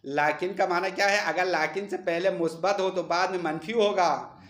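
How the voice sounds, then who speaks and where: A male teacher leading a classroom lesson. He explains step by step, quizzes his students and chants Arabic verses slowly. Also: high-pitched, fairly even intonation, a bit bright, echoey room.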